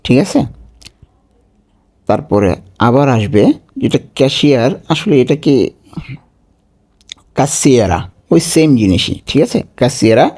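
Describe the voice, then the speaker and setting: A man's voice: medium pitch, a little mellow. A man teaching a vocabulary lesson. He says each word and its meaning over and over, and keeps asking whether his listeners follow. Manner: repeats each word slowly, asks checking questions. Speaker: language teacher.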